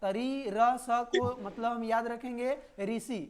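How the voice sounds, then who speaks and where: A woman's voice: fairly high pitch, fairly even intonation, slow, a loud crowd. A woman teaching a live online grammar class, explaining with little memory stories and repeating key words.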